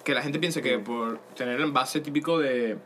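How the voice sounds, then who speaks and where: A young man co-hosting a casual podcast chat, telling animated stories, laughing often and calling his friends bro. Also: medium pitch, normal speed, slight background noise. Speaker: podcast co-host.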